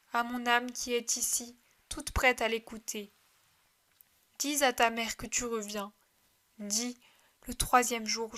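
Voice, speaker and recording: A woman's voice: on the high side, sharp tone. A woman reading aloud gives voice to a grieving mother who pleads and cries out in desperate faith. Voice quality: emotional pleading delivery.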